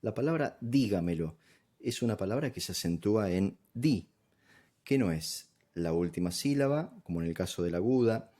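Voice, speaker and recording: A man's voice: fairly low pitch, lively intonation, moderate pace, mellow. A man explaining grammar as a teacher, patient and step by step, often checking in with the listener.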